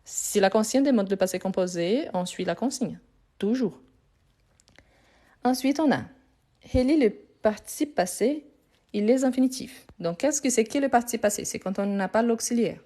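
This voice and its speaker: A woman's voice: a little high, expressive, moderate pace, warm tone. A woman teaching French in a live online grammar lesson, recorded on her phone, patiently repeating answers and praising students.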